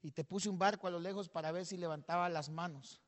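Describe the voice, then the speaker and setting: A male pastor telling a parable in a sermon, rising to a shout and having the congregation repeat after him. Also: sits high, steady tone, fast, long reverb tail. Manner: storytelling, shouting when stirred, calls on the congregation to repeat.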